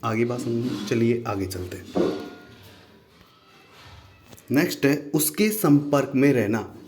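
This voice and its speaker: A man teaching spoken English, repeating each phrase slowly and breaking it down word by word in a friendly, chatty way. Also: mid-range voice, expressive, darkish tone. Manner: friendly, addresses viewers as friends.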